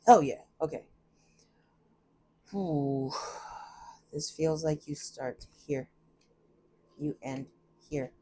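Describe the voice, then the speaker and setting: A woman's voice: deep voice, drawn-out words, pauses often, mellow, slight background noise. A woman giving a casual, chatty tarot reading from a room at home, thinking aloud and often laughing at herself. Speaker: tarot reader.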